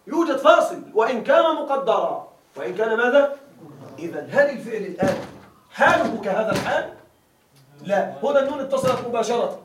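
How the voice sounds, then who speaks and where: A man's voice: very high voice, a little hiss or hum. A man teaching Arabic grammar to a class, often checking that his students follow and repeating key words as questions for them to answer. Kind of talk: classroom lecture. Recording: roomy classroom audio from a distant mic.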